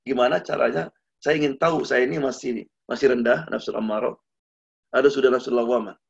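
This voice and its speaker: A man's voice: mid-range voice, fairly even intonation, brisk, creaky, breathy edge. A man preaching in style over a video call, telling a story and acting out the characters' voices, with a slight tinge. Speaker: Islamic preacher. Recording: dull lo-fi video call audio.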